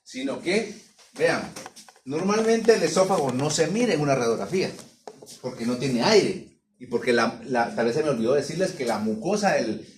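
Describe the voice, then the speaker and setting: A man teaching a veterinary anatomy class, pausing often to check that students follow. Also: mid-range voice, animated. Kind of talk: classroom lecture. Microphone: distant room mic. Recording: echoey room from far off, some noise.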